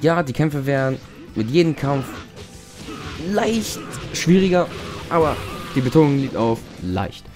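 Young guy doing let's play commentary, gets loud and cusses at the game, game music going behind him. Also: medium pitch, moderate pace. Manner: excitable, swears at the game, loud outbursts. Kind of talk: casual gameplay commentary.

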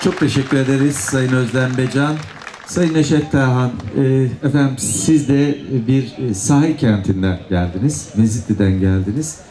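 Mellow male moderator in echoey sound. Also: medium pitch, moderate pace, a little hiss or hum. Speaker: panel moderator. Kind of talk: formal moderating of a public panel. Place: outdoor stage at night before an audience. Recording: echoey public-address sound with crowd.

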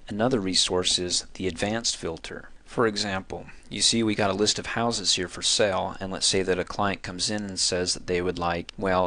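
A man with a very low voice narrates a software tutorial over his screen recording. He talks through each click in an easygoing, chatty manner, like a trainer at your side. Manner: relaxed, conversational step-by-step explaining. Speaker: software instructor.

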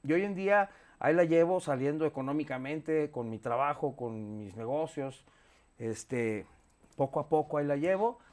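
A Mexican man in his fifties sits on a studio sofa and talks openly as an interview guest, with a lapel mic close to his voice. His voice sits a little high for a man. He speaks with animated energy and curses casually. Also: normal speed. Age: 50s. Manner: candid, animated, swears freely, gestures a lot.

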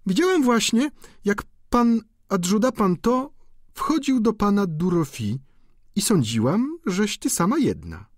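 A man voicing a sly, spiteful high-society duchess in an audiobook, with sweetly malicious delivery. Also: very animated, measured pace, no room sound, clean studio sound, full character voice.

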